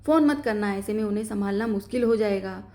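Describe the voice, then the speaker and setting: A woman reading a calm young brother. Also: mid-range voice, fast, close to an everyday voice. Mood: reassuring.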